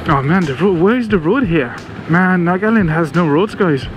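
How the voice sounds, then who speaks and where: This motorcycle vlogger from France, French accent and high, animated voice, talks at a moderate pace while riding outdoors and at an event ground. His commentary is casual and exclamatory, he chats with passers-by, and faint music plays behind him.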